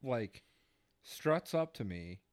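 A young man tells a raunchy story to friends on a podcast, his pitch leaping around as he jokes. He sounds close and dry on a studio mic. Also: very animated, slow, dry recording. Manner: crude, joking, laughs a lot. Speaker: podcast co-host. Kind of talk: casual chat, storytelling.

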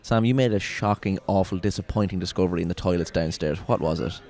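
Brief: male podcast host, low voice, rapid joking ramble. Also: a little mellow. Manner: joking, rambling, swears casually. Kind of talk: casual chat. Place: merch market stall.

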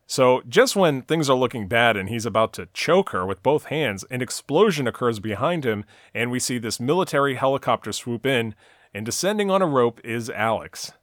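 A man's voice: mid-range voice, animated, moderate pace, no echo. Man recapping a TV episode, dry close sound. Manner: narrates the plot at length, with frequent "uh" and "you know". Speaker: podcast co-host recapping a TV episode. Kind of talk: casual recap chat.

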